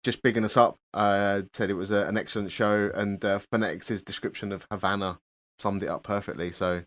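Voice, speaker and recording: A man hosting a podcast, talking in a relaxed, halting way. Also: fairly low pitch. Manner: relaxed, hesitant with many ums and restarts. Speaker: podcast host. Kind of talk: casual podcast chat.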